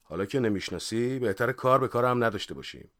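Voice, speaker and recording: A man's voice: medium pitch, expressive, sharp tone, no room sound, clean studio sound, pitched above the performer's own voice. A man voicing a touchy, quarrelsome older eccentric who scolds and contradicts in a storybook reading. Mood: testy.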